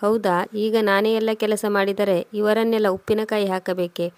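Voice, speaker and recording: A woman's voice: medium pitch, level tone, moderate pace, a little mellow, no room sound, lightly acted. A woman reading as a defiant quarrelsome young wife. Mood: angry. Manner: scolding, defiant.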